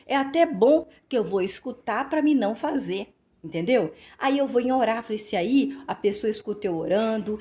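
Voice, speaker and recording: A Brazilian woman teaching the Bible in a casual, animated way, repeating phrases and acting out dialogue. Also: mid-range voice, slightly rough. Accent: Brazilian Portuguese.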